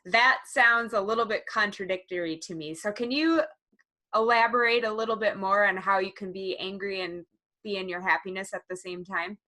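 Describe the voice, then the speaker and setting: A woman's voice: medium pitch, moderate pace, sharp tone, low-quality recording. A woman hosting a podcast interview, encouraging and curious as she asks her guest questions. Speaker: podcast host. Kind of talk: casual interview chat.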